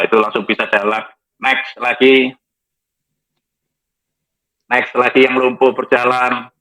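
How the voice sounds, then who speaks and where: A man, a pastor giving his testimony in a studio talk, lively and jokey. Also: mid-range voice, poor audio. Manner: lively, jokey, repeats "next lagi" while showing slides.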